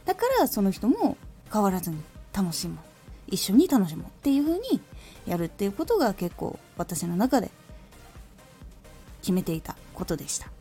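A woman hosting a solo talk podcast, calmly and thoughtfully explaining her advice as a former voice actor. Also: mid-range voice, moderate pace, faint music behind. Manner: calm, reflective explaining. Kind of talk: solo talk radio monologue.

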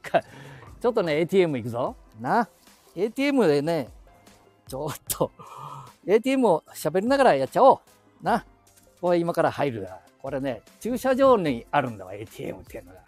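A man's voice: a little high, very animated, quick pace, darkish tone, soft background music. A man in his seventies with a Nagoya dialect, chatting to himself in a rambling monologue while walking outdoors, full of chuckles and asides. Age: 70s. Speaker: podcast host. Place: walking outdoors and inside a bank ATM booth.

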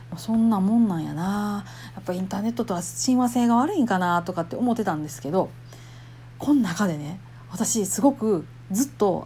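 A woman's voice: medium pitch, dark tone, slight background noise. A woman with a Kansai accent, a temple wife who talks casually and chattily to her listeners and laughs often. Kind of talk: casual monologue.

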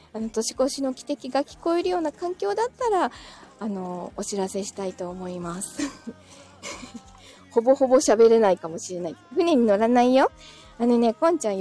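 Giggly female livestream host, high and mellow voice, chatty with commenters, soft music behind. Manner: laughs often, chatty, reacts to comments. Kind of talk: casual livestream chat.

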